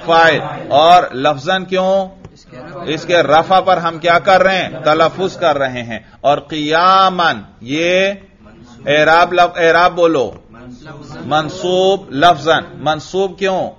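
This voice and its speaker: Slow, patient male grammar teacher. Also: a little high, fairly bright tone. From Pakistan. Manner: slow, patient drilling, repeats questions for students to answer. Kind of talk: classroom lecture with call-and-response drilling. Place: classroom. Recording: dull lo-fi class recording.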